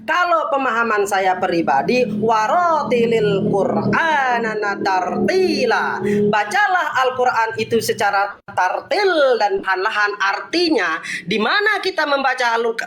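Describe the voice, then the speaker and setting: A man's voice: extremely high pitch, big pitch swings, normal speed, music in the background. A man from Lombok in a debate call from his workplace, polite but insistent when rebutting. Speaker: debate guest.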